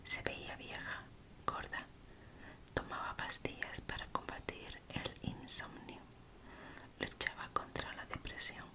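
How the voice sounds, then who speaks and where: Whispering Spanish woman reading true crime ASMR. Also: takes it slowly. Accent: Spanish, from Spain. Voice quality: breathy, unvoiced whisper. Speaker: ASMR host reading aloud.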